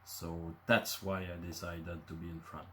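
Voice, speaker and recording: Deep and a bit bright, his voice barely moves in pitch and keeps a measured pace over slight background noise. He's a native French speaker from Quebec City, Canada, in his fifties, with a Quebecois accent, casually hosting his channel from bullet points and filling gaps with lots of "uh"s.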